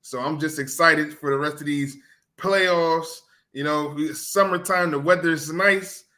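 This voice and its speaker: A man co-hosting a sports talk show, emphatic and excited, often repeating himself. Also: a little high, unhurried.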